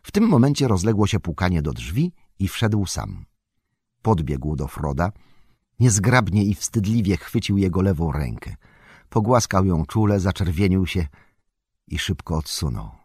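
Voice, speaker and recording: A man narrates a fantasy audiobook with measured, expressive storytelling. His voice is low and husky, moving in lively pitch swings. The recording is close and completely dry. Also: dry recording.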